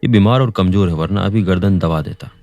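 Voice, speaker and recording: A man voicing a sharp-tongued young man. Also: low-pitched, a little fast, dull audio, faint music behind. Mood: explaining. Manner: sharp scolding. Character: young man, hot-tempered then polite.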